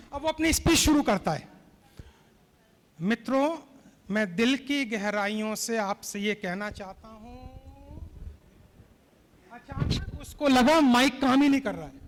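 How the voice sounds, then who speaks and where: High, gravelly male keynote speaker in a large hall; storytelling, audience-prompting delivery. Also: fairly bright tone. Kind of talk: motivational speech. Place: convention hall. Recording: hall reverb.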